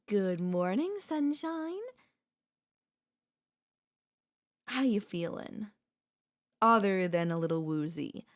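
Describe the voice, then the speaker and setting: A woman voices an obsessive yandere sister-in-law in an ASMR roleplay, speaking slowly in a mid-range voice. She sounds cheerful and smug, sweetly menacing as she coaxes and chats, calmly unapologetic.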